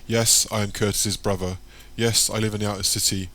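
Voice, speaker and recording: A man voicing a secretive, formal man in an audiobook, speaking in a measured, courteous way. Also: fairly low pitch, level tone, pushed and bright.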